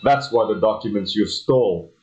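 A man voicing a suave, calculating aristocratic husband in a parody soap opera, with smooth, theatrical delivery. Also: fairly low pitch, moderate pace, darkish tone, muffled recording, close to an everyday voice. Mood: smug.

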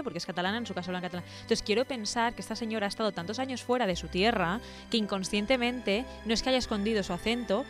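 A woman's voice: mid-range voice, a bit bright. A woman podcast co-host in casual chat who stumbles as she searches for words.

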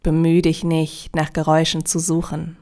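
A woman guiding a yoga nidra relaxation, speaking slowly and softly, at times in a whisper. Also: low voice, completely flat delivery. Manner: slow, soft and soothing, partly whispered. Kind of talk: guided meditation.

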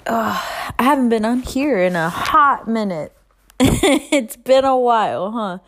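A woman's voice: a little high, animated, unhurried, a bit bright. Profane ranting podcast host, a woman. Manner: candid, profane, frustrated, with laughs. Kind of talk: casual solo podcast rant.

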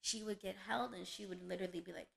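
A woman in casual chat, telling lively stories about her dogs and acting out their voices. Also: mid-range voice, quick pace, gravelly, poor audio. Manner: animated storyteller, acts out her dog's voice. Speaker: dog breeder.

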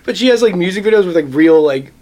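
A man in a casual podcast chat, goofy and animated, throwing in playful asides. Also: high-pitched, quick pace.

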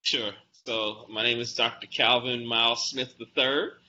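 A doctor in his forties from Atlanta, Georgia, answers interview questions conversationally. His medium-pitched voice has a sharp tone, fairly even intonation, and a slightly slow pace. The recording is slightly muffled with faint noise.

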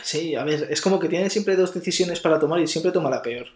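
A podcast co-host chatting casually and animatedly, acting out quick quotes. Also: medium pitch, darkish tone. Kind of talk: casual chat. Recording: roomy echo.

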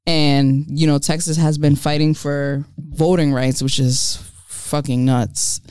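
A woman's voice: deep voice, flat delivery, takes it slowly, darkish tone, clear, resonant tone, no room sound. A woman co-hosting a podcast, talking bluntly and with lots of animation, swearing often as she runs through news items. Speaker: podcast co-host. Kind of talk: casual podcast chat.

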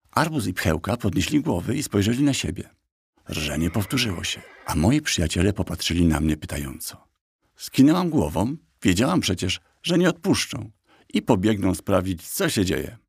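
A man narrating a children's audiobook calmly and evenly into a close studio mic. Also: low voice, vocal fry, breathy edge, no room sound.

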